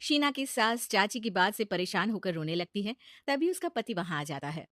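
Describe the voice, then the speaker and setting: A woman narrating a cartoon moral story in a brisk, scripted way. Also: medium pitch, big pitch swings, fairly bright tone, no room sound, clean studio sound.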